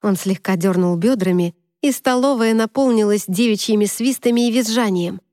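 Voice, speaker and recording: A woman narrating a novel in the first person, in an even, measured storytelling voice. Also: medium pitch, dry recording, studio quality. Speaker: audiobook narrator.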